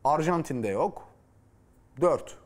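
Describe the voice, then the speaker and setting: A man's voice: a little high, expressive, slow pace. A man talking as a football pundit in a studio, blunt and teasing, with emphatic opinions.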